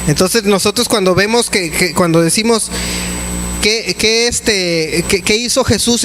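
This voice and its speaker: A man's voice: high-pitched, fairly bright tone, slight background noise, rough recording. A man preaching a sermon as pastor, in a conversational way with many restarts and fillers.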